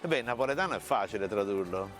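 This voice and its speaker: A man's voice: on the low side, lively intonation, fast talker, fairly bright tone. Neapolitan-accented man presenting playfully over music. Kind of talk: informal lesson to camera, with recited proverbs.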